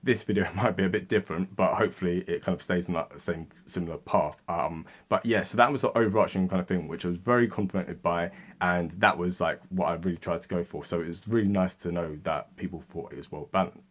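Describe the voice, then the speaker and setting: A man's voice: deep voice, fast, hardly any pauses. Chatty man doing a casual video talk. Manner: chatty and animated, mimics commenters and mates in exaggerated voices. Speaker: history channel host.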